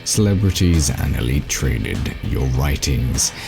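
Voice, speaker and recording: A very deep, pompous alien warlord. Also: male voice, sing-song, slow, over music, heavily acted. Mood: smug. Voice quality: deep, gravelly. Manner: pompous, theatrical, ceremonious. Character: Wrathchild, grandiose male alien occult warlord, obsequious and smug.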